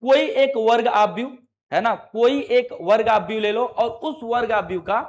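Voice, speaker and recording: A man's voice: extremely high pitch, moderate pace. A male maths teacher giving a classroom lesson, coaxing students and repeating his questions back to them.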